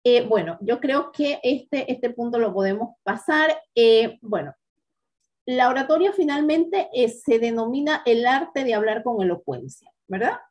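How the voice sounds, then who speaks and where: A woman teaching a class on public speaking in a methodical, encouraging way, often pausing with hesitant fillers. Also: fairly high pitch, animated, darkish tone, lo-fi sound. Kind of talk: instructional talk to students.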